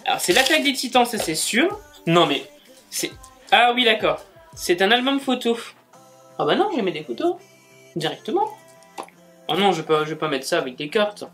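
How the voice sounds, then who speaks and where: A man's voice: high voice, very animated, moderate pace, long pauses, fairly bright tone, faint music behind. A man chatting casually as he unboxes gifts, gushing and exclaiming as he goes. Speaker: book and manga YouTuber.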